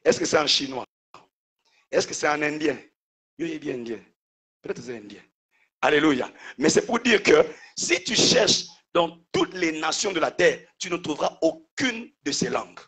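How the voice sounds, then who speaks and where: Husky pastor preaching. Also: male voice, on the high side, expressive, moderate pace, fairly bright tone. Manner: preacher calling out "Alléluia" and "Amen", call-and-response with the congregation. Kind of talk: sermon.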